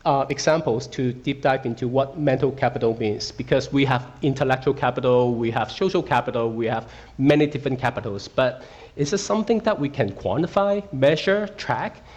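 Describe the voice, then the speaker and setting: A middle-aged man from Hong Kong speaks as a guest speaker in a school auditorium, keeping it interactive by asking the audience questions and checking in with frequent "okay"s. His mid-range voice has lively intonation at a normal speed, though the audio sounds dull.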